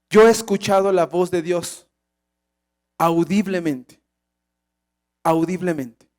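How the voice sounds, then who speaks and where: A man preaches to his congregation in a notably high voice. He speaks with animated emphasis and keeps tossing out rhetorical questions for the church to answer. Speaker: pastor. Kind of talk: sermon.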